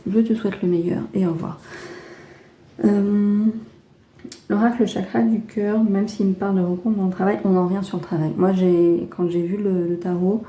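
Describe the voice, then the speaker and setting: A French woman giving a casual tarot reading, chatty and gentle, with many fillers and restarts. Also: lowish voice, vocal fry. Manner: gentle, reassuring advice. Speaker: tarot card reader.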